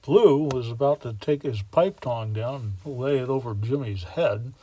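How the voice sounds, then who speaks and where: A man's voice: medium pitch, measured pace, mellow, breathy edge. A man telling a work story in a folksy, wry way, using casual slang as a model railroad builder. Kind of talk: storytelling narration.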